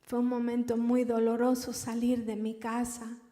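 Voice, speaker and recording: A young woman giving an emotional personal testimony in church, halting and repeating words as she recounts. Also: a little high, completely flat delivery, dark tone. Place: large church hall. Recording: reverberant church hall.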